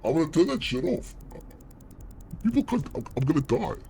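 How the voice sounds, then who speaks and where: A man's voice: sing-song, moderate pace, dark tone, a little hiss or hum. A man streaming a horror game, his voice run through a demonic voice changer, swearing and jumping at scares while talking to his chat. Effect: deep, gravelly demonic voice changer. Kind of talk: live gameplay commentary.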